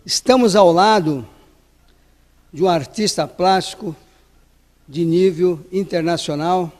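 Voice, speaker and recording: A man's voice: high voice, slow, darkish tone, long reverb tail, soft background music. A male TV host asking interview questions in an upbeat, emphatic way.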